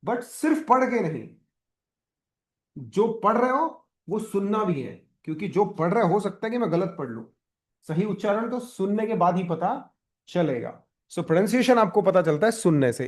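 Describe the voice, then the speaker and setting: Male teacher, high voice, classroom lecture, keeps quizzing students. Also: a little mellow. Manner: questioning, coaxing students. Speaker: spoken English teacher.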